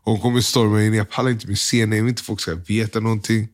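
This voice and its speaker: A young man, an interview guest, telling a hard personal story in a subdued, halting way, full of slang and quoted dialogue. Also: fairly low pitch, flat delivery.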